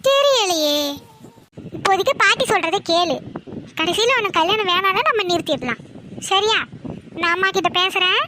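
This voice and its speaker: A woman's voice: very high voice, normal speed, long pauses, sharp tone, slight background noise, low-quality recording. A woman voicing a doting but stubborn old grandmother who coaxes and schemes, in a cartoon. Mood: coaxing. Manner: coaxing and insistent. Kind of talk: cartoon voice acting.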